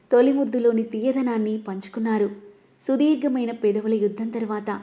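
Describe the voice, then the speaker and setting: A woman narrating a romantic family story in a smooth, measured, scripted reading. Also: on the high side, warm tone.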